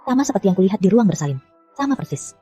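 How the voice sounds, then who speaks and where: A middle-aged woman dubbing a wealthy mother who scolds briskly and sharply. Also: medium pitch, big pitch swings, mellow, husky, soft background music. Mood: moved. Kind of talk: dubbed drama acting.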